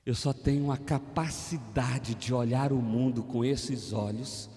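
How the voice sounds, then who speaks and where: A man in his thirties with a Brazilian Portuguese accent, preaching a sermon as pastor, moving between quiet personal storytelling and loud fervent preaching. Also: medium pitch, a little slow. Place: church sanctuary. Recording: long church reverb.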